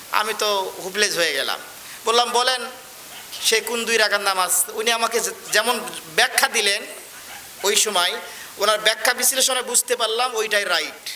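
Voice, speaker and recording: Male preacher, high and very bright tone, storytelling sermon with a faint hiss in the background. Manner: storyteller, often checks the crowd understands. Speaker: Islamic preacher.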